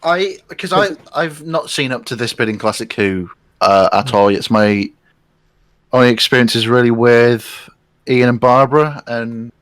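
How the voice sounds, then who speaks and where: A man's voice: mid-range voice, measured pace, fairly bright tone, no echo. A man co-hosting a podcast, chatting eagerly with hesitant restarts. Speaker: podcast co-host. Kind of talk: casual chat.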